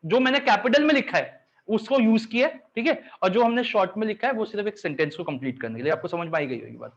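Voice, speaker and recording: A man's voice: sits high, animated, fast, muffled recording. A man teaching a live revision class, often checking that students follow and drilling them with call-and-response recitation.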